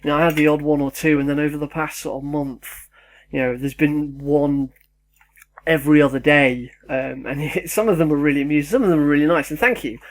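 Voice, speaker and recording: A young YouTuber chats in his home kitchen, rambling, getting sidetracked and poking fun at himself. His voice is on the high side and steady, and he speaks a little fast.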